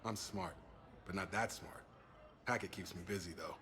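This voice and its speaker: A man's voice: sits low, moderate pace, pushed and bright, soft background music. A man playing a loyal, upbeat former soldier in a video game, talking in an easygoing, sincere and informal way. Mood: relaxed, warm.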